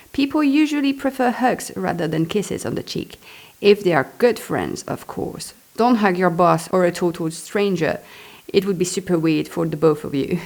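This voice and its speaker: Reading aloud from the memoir she wrote, this Belgian author speaks French natively and carries a Belgian French accent. Her delivery is lively and conversational, full of off-the-cuff remarks, and her voice is gravelly and on the low side.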